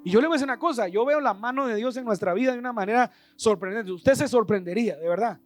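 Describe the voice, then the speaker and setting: A man's voice: extremely high pitch, quick pace, no room sound, soft background music. A man preaching a Sunday sermon as pastor, urging his congregation to repeat after him. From Guatemala. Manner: preaching to a congregation, calling for repetition.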